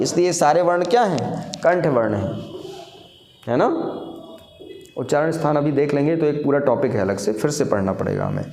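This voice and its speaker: A male teacher giving a classroom lecture, explaining step by step, asking questions and answering them himself, and sounding out syllables slowly. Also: fairly high pitch, a little mellow. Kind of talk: classroom lecture for exam students. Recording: echoey room.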